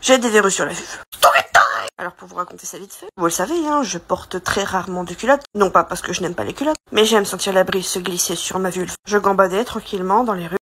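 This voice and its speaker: A woman with a husky voice telling a storytime monologue in a dramatic, emphatic way. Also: mid-range voice, fast talker, a bit bright. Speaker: social media storyteller.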